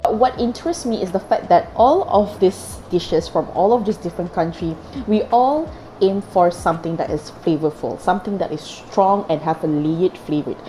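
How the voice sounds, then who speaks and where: A woman's voice: lowish voice, moderate pace, warm tone, slight background noise, poor audio. A woman giving a thoughtful comment in a class presentation. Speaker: student presenter.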